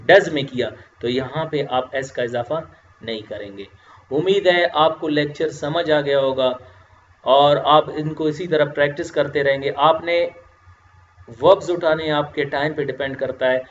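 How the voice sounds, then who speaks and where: A man teaching English grammar in a recorded lecture, explaining slowly and answering his own questions. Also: a little high. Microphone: voice-over, face not on screen. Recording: roomy, dull lo-fi lecture audio.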